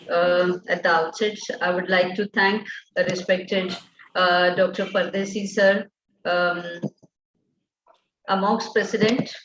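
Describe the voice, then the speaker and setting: Indian female webinar speaker, very courteous and deferential, formal delivery; dull, echoey online call sound. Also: fairly low pitch. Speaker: guest medical speaker at a webinar. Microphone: video call.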